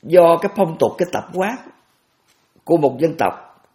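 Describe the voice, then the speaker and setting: A man's voice: a little high, expressive, normal speed, a little mellow. A man in his eighties, a Buddhist monk giving a dharma talk, repeating phrases and restarting often with homely examples. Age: 80s.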